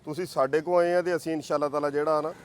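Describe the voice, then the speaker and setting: A man with a Pakistani Punjabi accent speaks as a social worker, reassuring and firm in a fatherly way. His voice sits a little high, and faint traffic hums behind him outdoors. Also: steady tone, rapid-fire. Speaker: social worker, channel host. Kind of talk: unscripted conversation.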